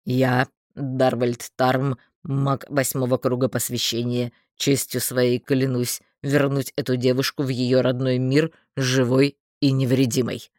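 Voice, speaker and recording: A man plays a gloomy male mage who talks in clipped, gruff phrases. His voice sits in a middle register and is recorded dry and close, with no room around it. The storybook sorcerer sounds sullen and stern. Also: mid-range voice, flat delivery, measured pace, few pauses, darkish tone, no room sound, close to an everyday voice. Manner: gruff, curt.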